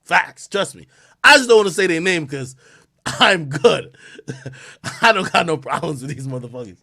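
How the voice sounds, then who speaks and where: A man streams a live reaction, loud, animated, and profane, breaking into bursts of laughter. His voice sits on the high side with a creaky texture, and his pace is moderate.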